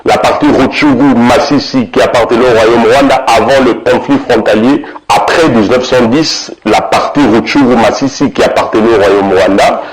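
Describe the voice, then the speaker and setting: A man speaking in a played video clip, explaining slowly like a lecture. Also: medium pitch, poor audio.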